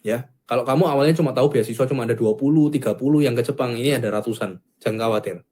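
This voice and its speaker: Casting: male course founder, rapid chatty pitch, mid-range voice. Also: warm tone, husky. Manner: chatty, fillers like gitu ya. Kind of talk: casual sales pitch.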